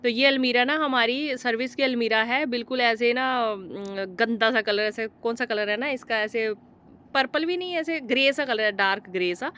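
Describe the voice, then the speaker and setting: A woman vlogger in her thirties talks through her day in a relaxed, chatty way, full of little fillers. Her voice sits a touch high, and she sounds homely and easygoing. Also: normal speed, clean tone. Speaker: vlogger, homemaker and mother. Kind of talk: casual vlog voice-over.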